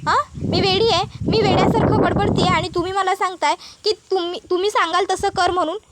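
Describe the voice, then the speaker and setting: A woman's voice: very high voice, fairly even intonation, brisk, no echo. A woman voicing a furious, proud middle-aged mother-in-law who scolds insistently. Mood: angry.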